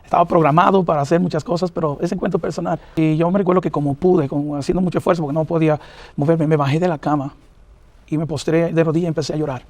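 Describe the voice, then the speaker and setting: Middle-aged guy preaching his testimony, rushes along, lots of uhs, pretty high voice, dry close sound. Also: fairly even intonation, darkish tone, no echo. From New York, of Puerto Rican parents. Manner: earnest, halting, many fillers. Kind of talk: personal testimony in an interview.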